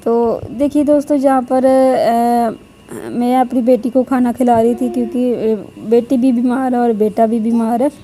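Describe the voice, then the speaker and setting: A woman with a high, mellow voice chats to her viewers in a casual home vlog. She rambles from point to point and keeps checking in with her audience. A faint hum of the room sits behind her. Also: level tone, a little slow. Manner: chatty and rambling, ending points with "theek hai". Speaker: home vlogger and mother.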